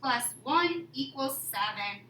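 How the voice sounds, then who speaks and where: Bright, high-voiced woman teaching children. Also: expressive, slow. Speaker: elementary math teacher co-presenting. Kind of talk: instructional demonstration for children. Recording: echoey room, distant mic, faint noise.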